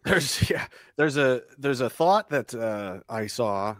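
A man's voice: medium pitch, expressive, slow, a bit bright, no room sound, clean studio sound. A man talking as a podcast guest in a casual, rambling way, often restarting phrases and chuckling between thoughts. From Canada.

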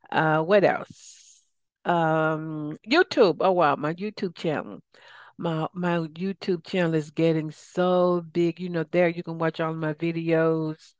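A woman's voice: fairly low pitch, a little mellow, no room sound. A woman speaking casually as the solo host of a coaching show, rambling conversationally with asides. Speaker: podcast host and life coach.

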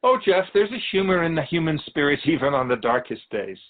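A slightly high male voice with big swings in pitch comes through phone-quality audio. He is acting as a wise keeper of souls from beyond in a radio drama, telling stories in a wry, courteous, philosophical manner that is measured and gently challenging.

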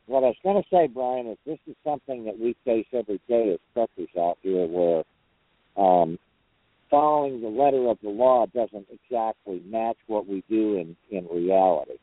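Male trucker host, lowish voice, folksy and rambling, casual radio chat from a parked cab over a narrow phone-grade line. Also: moderate pace, no room sound. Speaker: host of a truckers' talk show. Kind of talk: casual call-in talk show chat.

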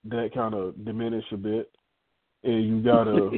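A man co-hosting a casual faith-based talk show, candid and joking, telling animated stories. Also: fairly low pitch, normal speed, no room sound, phone-quality sound. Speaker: podcast co-host.

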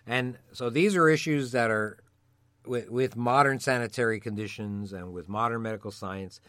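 A middle-aged man with a gravelly, mildly hoarse voice, co-hosting and explaining in a measured, conversational way. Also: medium pitch, a bit bright, no room sound. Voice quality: gravelly voice from a passing illness. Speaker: co-host of a survival medicine show.

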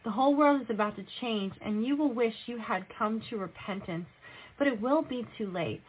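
Speaking as God, a self-styled prophetess reads scripture and proclaims prophecy in a solemn, admonishing tone peppered with rhetorical questions. Her voice is fairly high and slightly rough at a moderate pace, heard through tinny, phone-like narrow-band audio.

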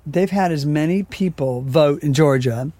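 A man's voice: on the high side, moderate pace, warm tone, dry recording. A man co-hosting a casual political chat show, joking and often trailing off mid-sentence. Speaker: co-host.

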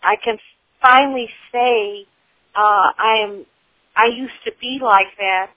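A woman's voice: mid-range voice, no room sound. A woman calling in to a radio show, talking hesitantly over the phone with many fillers. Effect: phone line on a radio call-in show. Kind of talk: casual call-in talk. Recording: tinny phone line, dry.

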